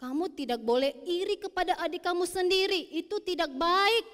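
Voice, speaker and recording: Mother figure, firm but gentle, scolding , a woman voicing her, echoey hall. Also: very high-pitched, normal speed, voice pushed up.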